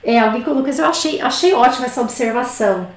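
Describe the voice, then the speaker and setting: A woman with a high, bright-pitched voice gives an online French class in a chatty, explaining manner. She slows down to sing little children's songs line by line. The sound bounces around an echoey room. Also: animated. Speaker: French teacher.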